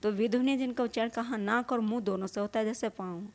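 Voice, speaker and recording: A woman's voice: on the high side, steady tone, quick pace, creaky, darkish tone. A woman teaching a Hindi grammar lesson, explaining patiently, repeating points, asking rhetorical questions and sounding out vowels herself. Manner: demonstrates vowel sounds aloud.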